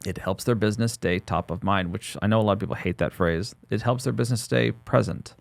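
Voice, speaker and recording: A man's voice: on the low side, fast, gravelly, no room sound. A man in his forties co-hosting a podcast in casual chat, rambling and joking with frequent restarts. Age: 40s. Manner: rambling, jokey, restarts often. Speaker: podcast co-host.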